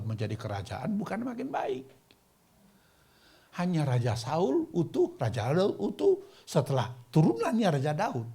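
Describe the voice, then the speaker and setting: A man's voice: on the high side, vocal fry, mellow, husky. A male pastor preaching a sermon at a church service in a colloquial way, asking the congregation rhetorical questions.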